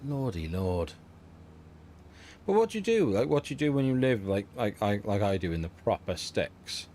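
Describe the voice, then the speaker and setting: A man's voice: fairly low pitch, lively intonation, moderate pace, a little mellow, slight background noise. A middle-aged man hosting a livestream from home, chatting in a rambling, easygoing way and laughing often. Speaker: livestream host. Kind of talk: casual livestream chat.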